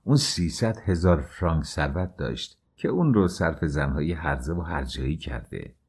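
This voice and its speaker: A man with a very low voice reading a worldly man who gossips quietly and with contempt in an audiobook. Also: expressive, slightly rough, heavily acted. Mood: hushed.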